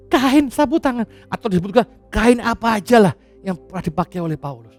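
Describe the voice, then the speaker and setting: A man preaching a sermon as pastor, in a chatty, animated way with casual asides and frequent laughs. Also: high-pitched, normal speed, soft background music.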